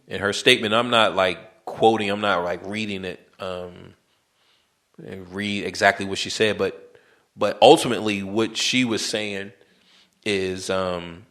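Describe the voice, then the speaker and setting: A man's voice: low-pitched, fairly bright tone. A man hosting a podcast, talking casually in a rambling way with lots of fillers, slang and restarts. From United States. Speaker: podcast host. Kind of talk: casual monologue.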